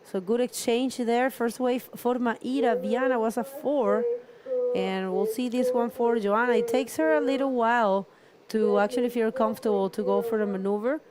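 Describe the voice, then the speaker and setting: A woman's voice: a little high, fairly even intonation, moderate pace. Woman commentating live surfing over ambient noise. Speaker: live surf contest commentator. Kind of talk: live sports commentary with casual asides. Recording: noisy live outdoor event broadcast.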